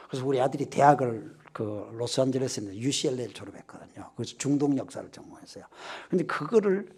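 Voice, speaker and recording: A middle-aged pastor tells his story from a church pulpit, his voice husky and gravelly. His pitch leaps about as he moves from near-shouts to quiet asides. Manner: animated storytelling, swings from shouts to hushed asides. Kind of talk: revival sermon testimony. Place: church sanctuary.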